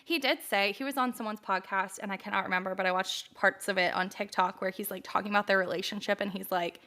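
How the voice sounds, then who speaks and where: A woman's voice: mid-range voice, steady tone, fast talker, bright, forceful tone. A young woman co-hosting a podcast, chatting casually with lots of fillers and acted-out quotes. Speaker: podcast co-host. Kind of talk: casual chat recap.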